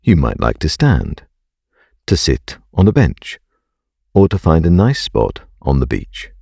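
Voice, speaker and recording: A man narrating a scripted guided meditation in a calm, gentle, soothing and unhurried way. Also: very deep voice, vocal fry, breathy edge, dry recording, clean studio sound.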